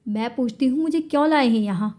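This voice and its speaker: Woman doing a defiant young wife, sharp and angry, in an audiobook drama, voice on the high side. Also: lively intonation, close to an everyday voice.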